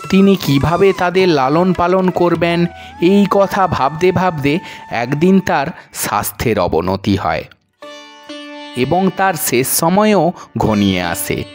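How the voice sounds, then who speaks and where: A man narrating a devotional moral story in a slow, measured storytelling manner. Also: a little high, big pitch swings, faint music behind.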